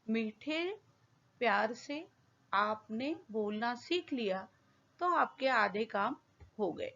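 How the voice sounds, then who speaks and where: Casting: woman schoolteacher, slow patient explainer, muffled lo-fi sound. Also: a little high. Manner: slow, patient classroom explaining with questions to pupils. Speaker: school teacher. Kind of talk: Hindi lesson explaining a poem. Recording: dull lo-fi recording.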